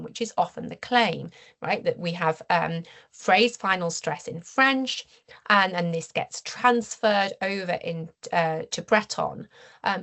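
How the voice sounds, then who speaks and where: Woman, English accent, academic seminar talk, low gravelly voice, halting with fillers. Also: a bit bright. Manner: measured, frequent fillers and restarts. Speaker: university researcher giving a seminar talk. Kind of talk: academic lecture.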